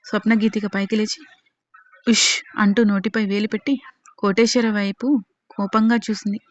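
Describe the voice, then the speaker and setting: A woman storyteller narrating an audio story in a steady, plain reading voice. Her pitch is middling, and the recording is very dry and dull, with a lo-fi sound. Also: fairly quick, no room sound.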